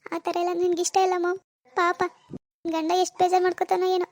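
Give me a woman playing a self-pitying young cartoon wife, tearful, high-pitched and quick. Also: flat delivery, no echo. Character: tearful young married daughter, rich and proud. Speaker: grieving daughter. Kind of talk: cartoon voice acting.

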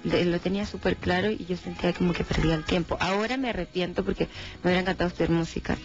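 A woman's voice: lowish voice, very fast, faint music behind. Chilean woman, candid radio guest. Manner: relaxed, candid, hesitant with fillers. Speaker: singer guest. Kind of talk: casual interview chat. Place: radio studio with TV set. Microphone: desk microphone. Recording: dull lo-fi sound.

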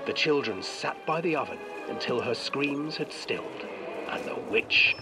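A man reading a dark fairy tale as a storybook narrator in a game, in a measured, theatrical delivery. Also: medium pitch, lively intonation. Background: music.

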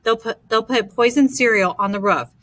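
A woman's voice: a little high, moderate pace, fairly bright tone, close to an everyday voice. A woman voicing an anxious ten-year-old boy in an audiobook, talking in worried, repetitive bursts.

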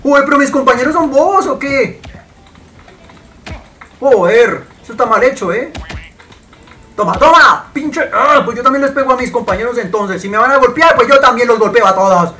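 Excitable man shouting over gameplay. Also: very high-pitched, moderate pace, pauses often. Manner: excitable, shouts and swears at the game. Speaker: gaming YouTuber. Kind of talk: gameplay commentary.

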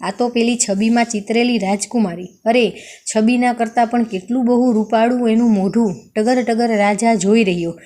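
A woman's voice: a little high, steady tone, moderate pace, warm tone. A woman reading a folk tale aloud, expressively voicing the characters' lines. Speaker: storyteller.

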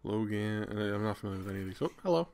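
A man's voice: on the low side, completely flat delivery, racing, a little mellow, a little hiss or hum. A man giving casual, irreverent commentary while playing a video game, chatty and swearing freely. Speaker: gaming channel host.

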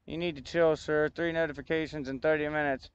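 With a fairly high pitch and a flat, brisk delivery, the streamer sounds smooth while venting frustration and reasoning aloud over technical issues in casual chat with viewers. There's no echo, but the highs are cut off.

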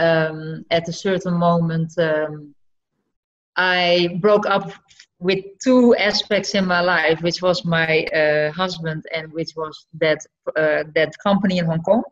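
Frisian-dutch woman, middle-aged, low-ish voice, halting with lots of ums, muffled laptop call. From Friesland, Netherlands. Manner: hesitant, many fillers, thoughtful. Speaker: guest artist. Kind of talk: casual video-call interview. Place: home living room. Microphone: laptop on a video call. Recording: dull lo-fi video-call audio.

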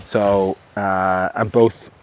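A middle-aged man with an Australian accent talks through camping gear in a casual, excited way, trailing off and starting over. He is recorded on a lapel mic out in the open at a campsite. Faint music plays softly behind him. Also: on the low side, very slow. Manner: enthusiastic, chatty, restarts often. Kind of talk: casual outdoor product review. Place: outdoor campsite among trees.

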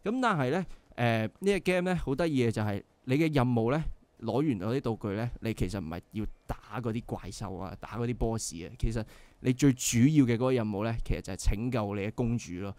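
A young man with a Hong Kong Cantonese accent, guesting on a radio show as a band member, explains things earnestly with lots of filler sounds. His medium-pitched voice is quick and darkish, recorded dry in a radio studio during a casual interview.

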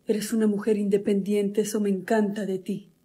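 A woman's voice: medium pitch, little pitch movement, moderate pace, warm tone, lightly acted. A woman playing a lovesick young man who keeps pleading with the girl he adores. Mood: sweet-talking. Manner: pleading, persistent.

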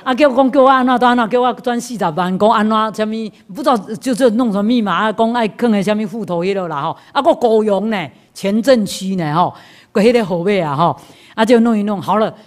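A woman with a Taiwanese accent giving a Buddhist talk, telling a personal story in a lively way with laughs, repeats and frequent asides to the audience. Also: mid-range voice, fast. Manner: lively anecdotal telling, laughs, repeats herself, asks "you know?". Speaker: Buddhist lecturer. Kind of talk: storytelling sermon.

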